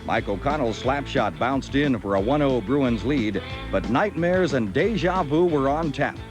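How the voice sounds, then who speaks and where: A man's voice: medium pitch, lively intonation, unhurried. American male TV sportscaster, mid register, hockey read with music underneath. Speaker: sports announcer. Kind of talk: scripted highlight narration and hockey commentary.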